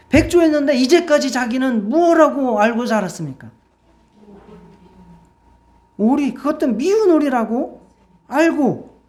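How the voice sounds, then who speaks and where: A woman's voice: high voice, darkish tone. A woman pastor preaching in church, telling a story and asking the congregation questions. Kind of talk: sermon with storytelling.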